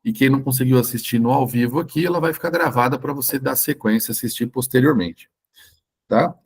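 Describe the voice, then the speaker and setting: A hoarse doctor with a Brazilian Portuguese accent gives a live online lecture, his voice gravelly and rough around the edges. He talks informally and keeps checking in with his listeners. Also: mid-range voice, fairly quick. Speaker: doctor teaching a course.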